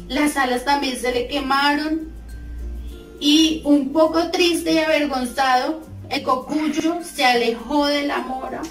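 A woman narrating a children's story in a slow, expressive, sing-song way. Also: high-pitched. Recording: roomy, distant mic, faint music.

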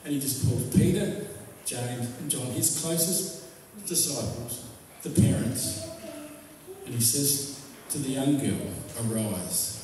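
A man's voice: medium pitch, a little slow, mellow, a little hiss or hum. A male pastor preaching a sermon, retelling a story vividly to his congregation. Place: church hall. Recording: echoey hall, distant mic.

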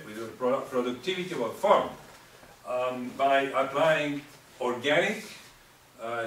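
A man's voice: mid-range voice, fairly bright tone. An older man speaks as a panelist, pressing his points with emphatic restarts. He is picked up from far off in a very echoey room with a faint hiss behind him. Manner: emphatic, restarts words, lecturing. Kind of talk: panel discussion answer. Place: seminar room with audience. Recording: echoey room, distant mic, faint noise.

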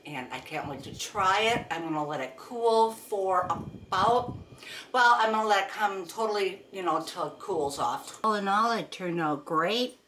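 A woman's voice: mid-range voice, animated, a little slow, a bit bright, a little hiss or hum. A woman hosting a home cooking video, chatting casually and rambling, often restarting and correcting herself mid-sentence. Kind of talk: casual cooking vlog chat.

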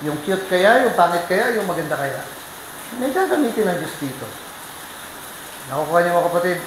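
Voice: medium pitch, fairly quick, reverberant, background noise. A pastor preaching a sermon, telling a story with energy and keeping the congregation involved with questions. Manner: lively storytelling, keeps asking the congregation questions. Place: church.

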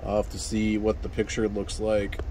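Young man, low steady voice, rambling how-to vlog, phone mic, outdoor traffic noise. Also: normal speed. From Michigan. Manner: loose, rambling, with many ums and restarts. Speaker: fishing channel host. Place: outdoors in an apartment parking lot. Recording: noisy outdoor phone recording.

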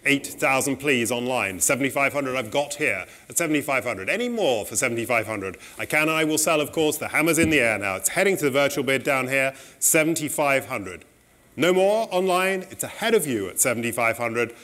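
A middle-aged man working as an auctioneer, calling bids in a saleroom in a brisk, polite, repetitive way. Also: medium pitch, lively intonation, fairly bright tone.

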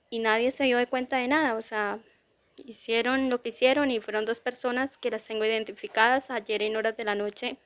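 A woman's voice: fairly high pitch, fairly bright tone. A woman interviewed outdoors for a local news report, telling indignantly how her home was burgled. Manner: indignant, repetitive complaint. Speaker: burglary victim. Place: outdoors near a drainage channel.

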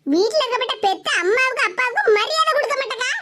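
A performer voicing a sharp-tongued middle-aged mother in an animated comedy, with a Tirunelveli Tamil accent and a nagging, scolding manner. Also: extremely high pitch, heavily acted. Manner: nagging, scolding, rapid complaints. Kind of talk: animated comedy sketch voice acting. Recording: loud background hiss.

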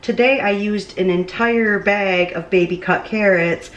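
A little slow and mid-range, a woman's voice comes through a distant mic with lo-fi sound. She's a cooking vlogger in her thirties, talking casually while cooking and moving around a small kitchen; the camera mic hears echo, and she drifts off-mic at times.

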